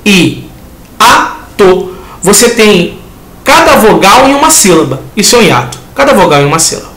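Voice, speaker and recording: A man's voice: high voice, very animated, brisk, fairly bright tone, echoey room, a little hiss or hum. A man with a Brazilian Portuguese accent teaching a lesson that reviews exam answers, talking the class through each step and acting out students' questions.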